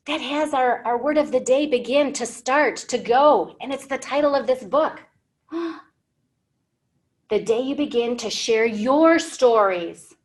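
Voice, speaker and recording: Young learners hear a picture book read expressively by a children's librarian in her thirties during storytime in an indoor library room, with simple questions and explanations along the way. She speaks slowly in a high-pitched voice.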